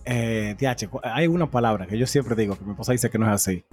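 A young man, co-hosting a casual podcast and telling animated stories with frequent laughter. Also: on the low side, fast, faint music behind. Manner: animated storyteller, laughs often. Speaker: podcast co-host.

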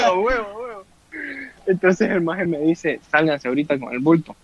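A man's voice: on the high side, moderate pace, crowd noise. A young man, telling a rowdy story among friends and swearing casually. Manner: crude slang-heavy, animated retelling. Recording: dull lo-fi sound.

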